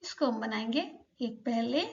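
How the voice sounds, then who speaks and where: A woman teacher with a slightly high voice gives a patient lesson at a very slow pace. She repeats each sound slowly, and the recording is a bit dull and lo-fi. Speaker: Korean language teacher.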